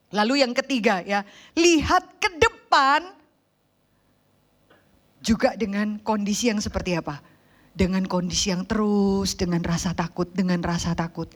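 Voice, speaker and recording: Woman preacher, high voice, animated sermon storytelling.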